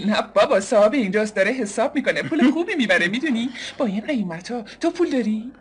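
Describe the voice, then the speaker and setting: A woman's voice: on the high side, lively intonation, close to an everyday voice. An actress dubbing a curious, teasing young woman. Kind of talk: dubbed film dialogue.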